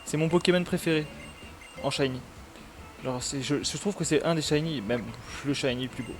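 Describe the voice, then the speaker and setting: A man's voice: a little high, normal speed, soft background music. A man chatting casually on a gaming stream, rambling with lots of fillers.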